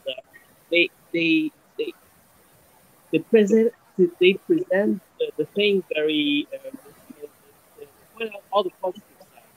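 A man's voice: high-pitched, no room sound. Man on glitchy, muffled call audio. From Europe. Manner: halting, hesitant, many fillers and restarts. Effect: glitchy, muffled call audio that keeps cutting out. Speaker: developer asking a question. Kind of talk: audience question on a video call. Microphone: computer mic on a video call.

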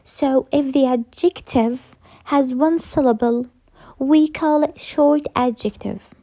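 A woman's voice: sits high, takes it slowly, mellow. A woman teaching English grammar in a recorded lesson, repeating each rule and answering her own questions.

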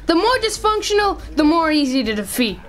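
A woman's voice: high-pitched, sing-song, a little fast, a bit bright. A woman voicing a smug, teasing twelve-year-old boy gamer in a radio drama. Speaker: child character in audio drama.

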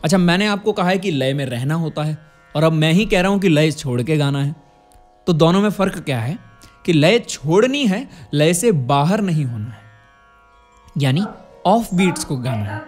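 A man's voice: fairly high pitch, lively intonation, moderate pace. A man teaching a classical music lesson, explaining patiently, asking rhetorical questions and breaking into short sung demonstrations. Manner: asks rhetorical questions to the student.

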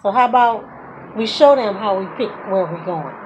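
A woman in her forties co-hosting a casual road-trip vlog, talking to viewers in a relaxed, playful way. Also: mid-range voice, normal speed, lo-fi sound, slight background noise. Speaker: vlog co-host. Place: outdoor patio and garage of a home. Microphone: camera a few feet away.

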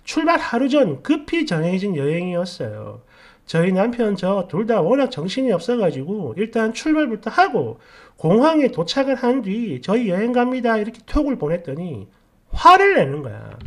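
A woman's voice: mid-range voice, very animated, moderate pace. A woman narrating reader-submitted family stories in a chatty, indignant storytelling manner.

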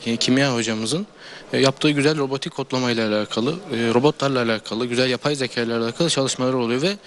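A teenage boy, a high school student, giving earnest, speech-like answers in an interview, with many hesitations. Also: quick pace, fairly bright tone. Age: teens.

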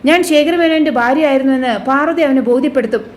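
A woman's voice: high-pitched, fast, natural voice. A woman voicing a ruthless, scheming middle-aged villainess who plots murders, speaking coldly and menacingly. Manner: cold, menacing, plotting.

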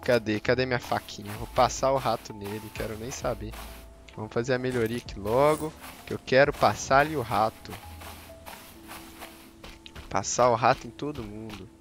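A man's voice: medium pitch, normal speed, soft background music. A man giving slangy, joking gameplay commentary on a live stream and teasing his chat. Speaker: game streamer.

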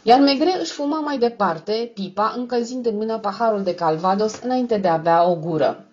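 A woman narrating a novel as an audiobook in a steady, measured read. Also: a little high, muffled recording. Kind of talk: scripted narration.

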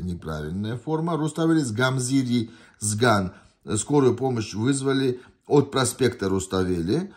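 A patient male language tutor works through test answers from a printed sheet, hesitant and self-correcting as he thinks aloud. His pitch is mid-range and his intonation very lively. He's at a desk indoors, with a phone camera pointed down at the sheet he holds.

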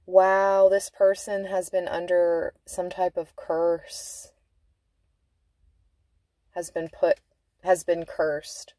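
A woman's voice: lowish voice, flat delivery, drawn-out words, pauses often, mellow, dry recording. A woman giving a casual tarot reading from inside a car, chatty and laughing, stretching out words for emphasis. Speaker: tarot reader.

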